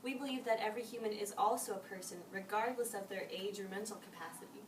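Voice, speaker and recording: Girl doing an earnest church youth minister, explains stuff calmly, echoey far mic. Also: mid-range voice, fast, natural voice. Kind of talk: amateur class-project role-play. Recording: echoey room, mic far off, faint noise.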